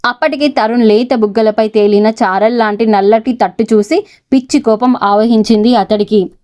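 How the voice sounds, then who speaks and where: A woman's voice: a little high, fairly even intonation, moderate pace, mellow. Woman narrating a serial story.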